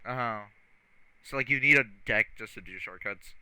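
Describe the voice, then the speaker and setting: A man's voice: medium pitch, normal speed, crowd noise. A man co-hosting a casual podcast, blunt and teasing, swearing freely. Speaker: podcast co-host. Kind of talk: casual chat.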